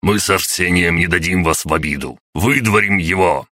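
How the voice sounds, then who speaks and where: A man voicing a telepath's puppet who shouts to rally armed men. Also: low voice, normal speed, no room sound.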